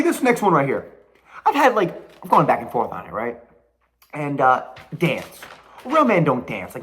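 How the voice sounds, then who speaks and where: A man's voice: mid-range voice, a bit bright, a little hiss or hum. A young man hosting his own podcast, delivering a blunt, profane, slangy rant with emphatic repetition. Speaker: podcast host. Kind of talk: casual solo podcast rant.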